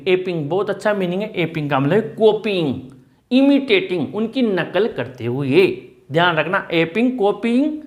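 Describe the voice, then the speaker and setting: A man teaching a class, speaking with an Indian accent. He reads English lines slowly, then explains each word patiently and often repeats it. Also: high voice. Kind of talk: line-by-line textbook explanation.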